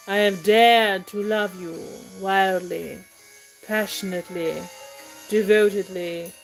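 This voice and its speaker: A woman playing a lovestruck, impulsive young gentleman suitor in a comic stage play, with halting, effusive declamation. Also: mid-range voice, rough recording. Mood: declamatory.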